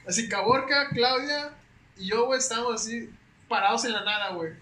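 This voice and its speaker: A young man with a Mexican accent, a podcast guest telling stories in a slangy, animated, casual way. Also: extremely high pitch, fairly quick. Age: young adult. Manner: slangy, animated, peppers speech with güey. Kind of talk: casual storytelling chat. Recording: roomy echo with faint hiss.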